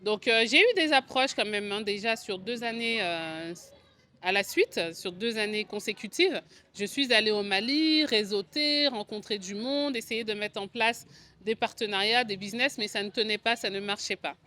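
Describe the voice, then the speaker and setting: Speaking at normal speed in a bright, forceful, mid-range voice, this vlogger from France recounts her personal story to camera. She's in her forties, co-founded an agency, hosts a video channel, and explains things conversationally with a French accent.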